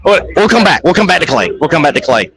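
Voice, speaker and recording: A man's voice: fairly high pitch, very animated, fast talker, crowd noise, poor audio. A man hosting live on-site event coverage, chatty and upbeat, often repeating his phrases. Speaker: show host. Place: crowded shop fan fest.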